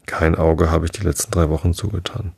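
A man reading the part of a suspicious, complaining mother pigeon in a storybook, in his own low husky voice. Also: little pitch movement, a little fast, a little mellow, no room sound, full character voice. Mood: scolding. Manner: scolding, complaining, contemptuous. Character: shrill, suspicious female pigeon guarding her eggs. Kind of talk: audiobook reading of a classic tale.

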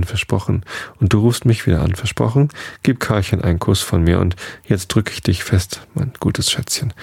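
A man's voice: deep voice, gravelly, darkish tone, breathy edge, no echo, exaggerated voice. A man reading the lines of a gushing, theatrical singer mother who showers her child with endearments. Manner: effusive, full of endearments.

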